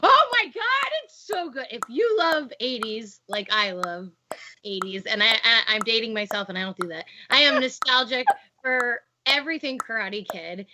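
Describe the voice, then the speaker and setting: High, excitable woman, noisy background. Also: normal speed. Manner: loud, exclamatory, excitable. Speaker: podcast co-host. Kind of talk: casual chat.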